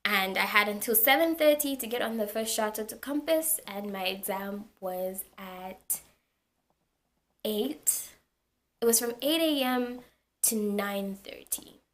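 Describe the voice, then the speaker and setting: A young woman from Zambia, telling a story to her vlog audience in a casual, animated way and repeating words for emphasis. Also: medium pitch, unhurried. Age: young adult. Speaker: university student vlogger.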